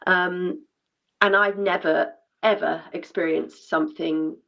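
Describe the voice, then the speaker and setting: A woman with a lowish voice tells her story casually, often restarting her sentences and filling gaps with ums. The sound is dull and lo-fi. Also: fairly even intonation, slow, vocal fry. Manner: chatty, with many fillers and restarts. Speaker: former dancer sharing her story at an event.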